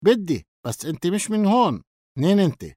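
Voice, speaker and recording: A man's voice: high-pitched, very animated, fast, darkish tone, dry recording, pitched above the performer's own voice. A burly middle-aged baker, as a male narrator puts him on, speaks in a coarse, dry voice with a Palestinian Arabic accent. He is blunt and bossy, and his teasing has a threat in it. The recording is dry and close. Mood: probing. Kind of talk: audiobook character dialogue.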